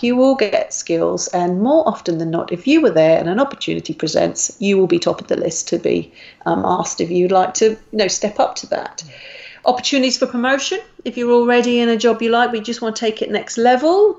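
An Australian woman talks through career advice in a relaxed podcast chat. She speaks at a middle pitch and is chatty, with frequent ums and restarts. The sound is a little dull and lo-fi. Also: gravelly. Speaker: career coach guest. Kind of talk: podcast conversation.

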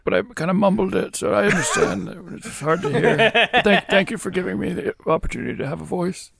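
A man's voice: high-pitched, brisk, vocal fry, a bit bright. A man improvising casually as a player in a tabletop game, playful and stumbling over words. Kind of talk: casual improvised role-play.

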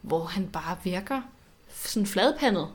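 Animated woman podcast co-host. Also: medium pitch. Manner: animated, reflective, repeats words while thinking. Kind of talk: casual podcast chat.

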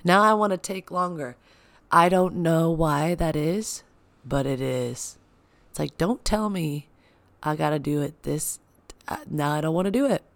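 Young woman rambling on her podcast at home, deep-ish fry in her voice, super chatty. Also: unhurried. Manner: chatty, excitable, rambling with asides. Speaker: podcast host. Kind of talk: casual solo podcast chat. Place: home, child playing upstairs. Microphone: sensitive podcast microphone.

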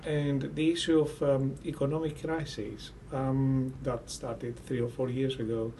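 Halting Greek-accented male academic. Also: medium pitch, flat delivery, warm tone. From Greece. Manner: halting, searching for words, deliberate. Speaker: academic researcher, interviewee. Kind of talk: academic interview. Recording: distant mic with faint background noise.

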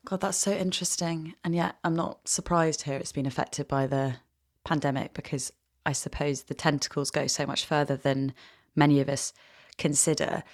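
A woman presents as a podcast interviewer. Her voice sits a little low, and she delivers prepared introductions and questions in a measured, articulate manner. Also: fairly even intonation.

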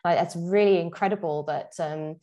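Low-pitched female podcast host, upbeat and conversational. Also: moderate pace, warm tone. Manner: enthusiastic, filler-heavy questions. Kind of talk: scripted intro then casual interview.

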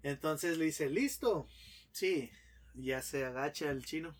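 A podcast guest tells a long joke in a casual chat, his voice a little high and unhurried. He's an animated storyteller, acting out characters and sound effects.

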